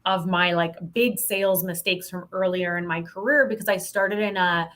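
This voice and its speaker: A middle-aged sales trainer appears as a podcast guest, speaking candidly and emphatically with a wry edge in a conversational interview. Her voice is on the low side and a bit bright, with a steady tone and moderate pace.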